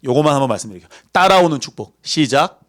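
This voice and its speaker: Lively Korean man preaching. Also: on the high side, rapid-fire. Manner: lively, conversational preaching that acts out voices. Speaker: pastor. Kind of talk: sermon.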